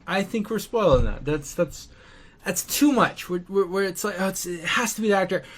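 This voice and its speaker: A man's voice: high voice, fairly quick, fairly bright tone. A man in a casual debate, talking emphatically, repeating himself and cutting in to make his point.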